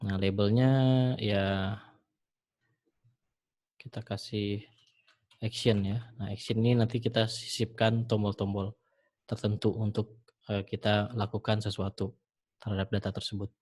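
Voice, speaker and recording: A man teaching programming in a screen-recorded tutorial, talking the viewer through each step in a relaxed way with frequent fillers. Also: on the low side, a little slow, pauses often. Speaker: programming instructor.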